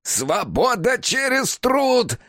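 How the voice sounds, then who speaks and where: A raving old warden sermonizing about toil and cures, his voice pitched well above a normal man's and swinging wildly, as a man reads him. He is sanctimonious and shrill, an audiobook villain. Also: very animated, takes it slowly, pushed and bright, dry recording, studio quality, full character voice. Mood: shrieking. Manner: preaching, sanctimonious, rising to shrieks. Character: fanatical old male prison warden, shrieking zealot. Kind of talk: audiobook reading.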